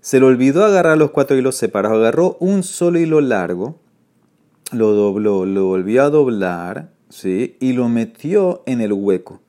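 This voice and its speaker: Lively man teaching a Talmud class. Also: mid-range voice, normal speed. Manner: lively, rising sharply when quoting rabbis; mixes Spanish with Hebrew and Aramaic terms. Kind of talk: Talmud class explaining Gemara.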